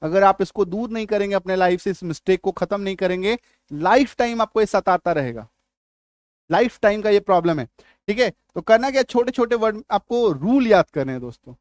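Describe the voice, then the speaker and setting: High-voiced man teaching English spelling. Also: animated, darkish tone, no room sound, studio quality. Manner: repeats checks like "आ रही बात समझ में?"; stretches out example words slowly. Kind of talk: spelling lesson.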